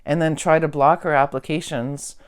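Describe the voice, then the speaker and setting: A woman's voice: deep voice, fairly even intonation, normal speed, clear, resonant tone. A woman legal researcher in a casual discussion, talking emphatically and slipping into mock voices when she quotes others.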